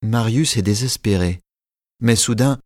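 A man narrates a simplified classic novel in a measured, clear storytelling manner. His voice sits low, and the recording is dry and close, with no room sound. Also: no echo.

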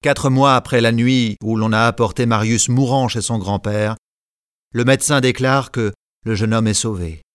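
A man narrating a classic story in a measured reading, giving short lines to the characters. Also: mid-range voice, steady tone, clean tone, no room sound, studio quality. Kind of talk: scripted narration.

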